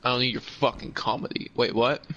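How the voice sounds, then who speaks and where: A man's voice: mid-range voice, fairly even intonation, a little fast, vocal fry, a bit bright, dull audio, a little hiss or hum. A man chatting casually while gaming, profane and teasing his friend. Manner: profane, teasing, laughs a lot. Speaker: friend playing along.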